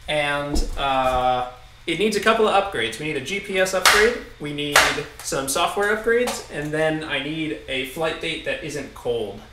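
A young man with a slightly high voice chats loosely while cooking, reading out viewer messages between laughs. He sits back from the mic in an echoey kitchen, under loud background noise. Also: a little slow, far from the mic. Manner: relaxed, laughing, reads viewer messages aloud. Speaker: host. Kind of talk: casual livestream chat. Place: home kitchen, indoors. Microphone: far camera.

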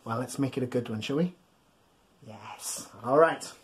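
Indoors in a small, furnished home room, a thirtysomething man reads a bedtime story to little kids, hamming it up and encouraging them to join in. His voice is medium in pitch and his pace measured.

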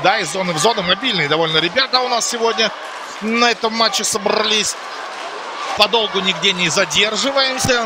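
A man giving live ice hockey commentary in a conversational way, pausing to find words. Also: high voice, background noise.

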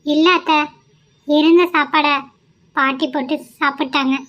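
A woman voicing a young, polite and sensible village wife in a cartoon, speaking in a gentle, pleading way. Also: high voice, fairly even intonation, normal speed, highs cut off. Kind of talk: cartoon voice acting.

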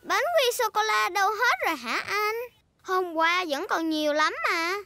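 A performer voicing a cheerful, bossy little girl pig in a children's cartoon dub, childlike and excitable. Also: very high-pitched, unhurried, slight background noise, heavily acted.

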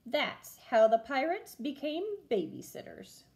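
In a high voice and at a slightly slow pace, a woman in her twenties shares a picture book with children. She's a first-grade teacher, storytelling expressively in a small room at home beside a window.

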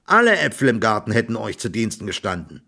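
A man reading an audiobook voices an excitable, blustering middle-aged male tenant farmer who talks loudly in exclamations. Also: on the low side, fast, creaky, exaggerated voice. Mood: talking it over. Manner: loud, exclaiming, scolding.

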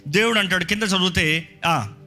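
A man preaching in a church service, his voice sitting fairly high and ringing very bright. He drives his points home with emphatic rhetorical questions to the congregation. Faint music lingers under his words. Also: normal speed. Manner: answers a scripture reader with short affirmations. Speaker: pastor. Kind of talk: sermon.

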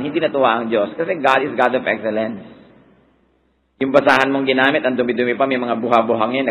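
A man's voice: mid-range voice, fairly bright tone, low-quality recording. A man with a Filipino accent preaching a sermon, mixing Tagalog and English and now and then mimicking people who complain.

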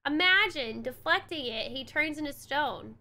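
A woman's voice: sits high, expressive, normal speed, pushed and bright. A woman in her thirties giving casual, playful and reactive gameplay commentary as a streamer. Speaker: game streamer. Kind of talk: casual gameplay commentary, reading dialogue aloud.

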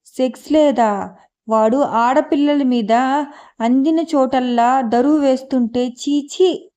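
A woman's voice: sits high, takes it slowly, dark tone. Woman reading as a scolding husband. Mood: disgusted. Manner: scolding, disgusted. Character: angry husband storming out of a cinema.

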